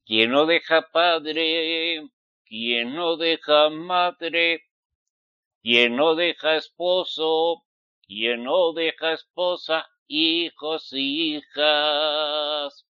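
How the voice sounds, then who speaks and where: Speaking very slowly in a smooth, steady voice that sits a little high, a Spanish-accented preacher from the Basque Country is heard in lo-fi audio with no room sound. His sermon is fiery and admonishing, directed at listeners and built around rhetorical questions.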